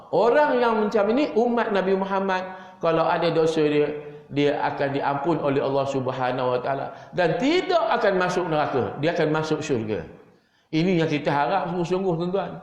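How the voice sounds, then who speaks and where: A high-pitched male preacher with a Malaysian Malay accent gives an evening mosque lecture and keeps calling out to his listeners. His voice rings through a large hall with a long echo. The sound is dull and lo-fi. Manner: addresses listeners as "tuan-tuan" again and again, swinging pitch. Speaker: religious teacher.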